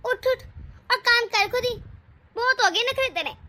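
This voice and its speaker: A woman's voice: very high voice, moderate pace, bright, forceful tone. A woman voicing a harsh, sarcastic older mother-in-law in a cartoon story. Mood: scolding. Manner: taunting, sarcastic. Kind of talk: cartoon voice acting.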